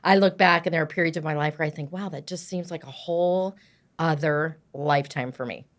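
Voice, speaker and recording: A woman in her sixties hosting a podcast, chatting warmly with her guest and often checking in with "right?". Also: deep voice, brisk. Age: 60s. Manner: warm, affirming, often says "right?". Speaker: podcast host. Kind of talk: casual interview chat.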